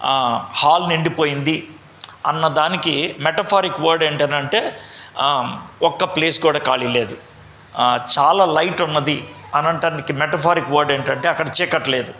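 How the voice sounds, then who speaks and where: Man, preacher, bright tense voice, slightly high, interactive Bible teaching, quizzes listeners, echoey hall. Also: normal speed. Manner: quizzes the audience, mixes English in. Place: large meeting hall.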